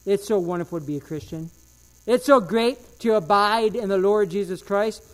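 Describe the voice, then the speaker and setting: At a moderate pace and in a high voice, a man preaches a sermon with fervent emphasis. Key phrases come back again and again as he alternates loud declarations with hushed asides.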